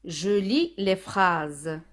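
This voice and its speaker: A woman teaching a phonics lesson to children, speaking slowly and spelling out sounds syllable by syllable. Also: fairly low pitch. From Morocco. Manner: slow, deliberate, syllable by syllable.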